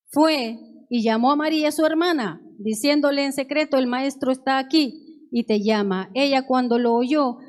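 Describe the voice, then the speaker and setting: A woman preacher in church, reading Bible verses aloud one by one and then explaining them earnestly. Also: a little high.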